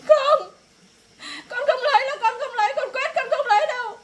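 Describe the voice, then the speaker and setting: A woman's voice: very high voice, fast talker, noisy background. A young woman acting as a daughter who pleads against and refuses a forced marriage. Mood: pleading. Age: young adult. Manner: pleading, defiant. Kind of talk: family drama acting.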